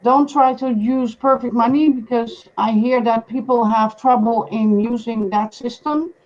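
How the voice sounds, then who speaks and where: A woman's voice: fairly high pitch, unhurried, a little mellow, lo-fi sound. A woman hosting a casual live-stream chat over a video call, asking guests questions and advising viewers. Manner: guiding, asks questions, gives advice to viewers.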